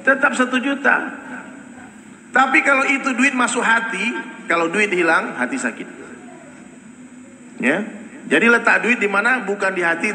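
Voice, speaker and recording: A man preaching a sermon to a congregation, animated and questioning his listeners directly. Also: high voice. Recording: echoey hall with noise.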